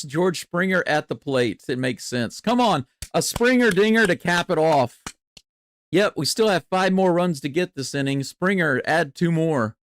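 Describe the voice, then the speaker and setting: A man doing live baseball play-by-play and reaction in a chatty, excitable way. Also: a little high, no echo, studio quality. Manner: excitable, chatty, jumps from calm to loud cheering. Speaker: play-by-play streamer.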